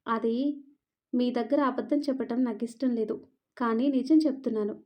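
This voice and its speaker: A woman's voice: fairly high pitch, normal speed, lightly acted. A woman voicing a frightened young wife who pleads and scolds through tears, on a dull lo-fi recording. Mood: pleading. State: crying.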